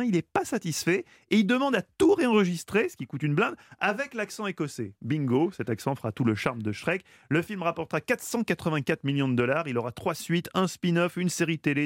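A man's voice: fairly high pitch, very animated, brisk, few pauses, no room sound. A man delivering a comic radio chronicle in a studio, playful and ironic, with teasing asides to the host. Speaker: radio columnist.

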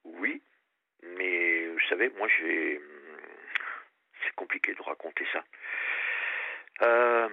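Over a muffled telephone line, an older Réunionese man from France calls a radio show for a candid, earnest, outspoken personal conversation. He speaks slowly in a low voice, pausing often, with no room sound.

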